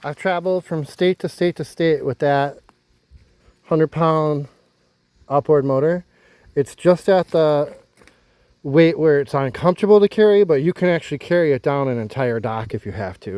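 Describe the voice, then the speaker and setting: Mellow-voiced man narrating a boat repair. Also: a little high, normal speed, no room sound. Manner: easygoing, explains while working with his hands. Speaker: vlogger. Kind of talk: casual vlog narration. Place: outdoors on a houseboat.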